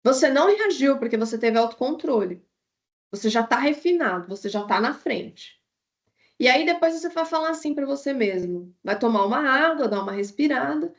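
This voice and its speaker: A woman, an instructor giving an online course lecture in an animated way. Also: high voice, moderate pace. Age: adult with a child. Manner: animated, acts out inner thoughts in quoted asides.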